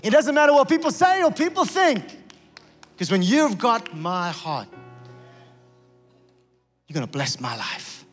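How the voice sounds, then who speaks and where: A male pastor preaching a sermon in a church, telling stories and acting out voices with lively energy. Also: very high-pitched, a little slow, pauses often, long reverb tail, soft background music. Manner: animated storytelling with acted-out voices. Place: church sanctuary.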